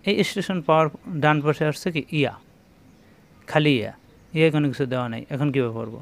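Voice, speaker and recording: A man's voice: a little high, creaky. A man with a slightly raised voice leads a Quran reading lesson. He drags out each syllable and says the sounds again and again. He turns to his viewers with plain instructions. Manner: slow, drawn-out demonstration of letter sounds, repeating syllables; addresses viewers directly with instructions. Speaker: Quran recitation teacher.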